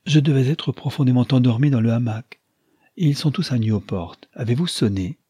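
A man's voice: mid-range voice, normal speed, mellow, husky, no echo, studio quality, voice pushed up. A man voicing a chatty, flustered young woman who gushes giddily in an audiobook. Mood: startled. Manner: gushing and giddy. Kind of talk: audiobook character voice.

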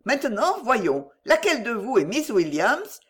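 A narrator voicing a brisk, commanding lady of the house who speaks with matter-of-fact authority, in an audiobook reading. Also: mid-range voice, sing-song, fairly bright tone, slightly rough, voice pushed up, full character voice.

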